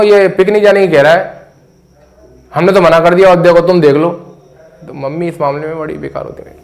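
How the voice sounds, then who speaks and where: A talkative man teaches English words in a friendly, conversational way. His voice sits a little higher than most men's, and he slows down to repeat each word again and again for pronunciation. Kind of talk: explaining English vocabulary in Hindi.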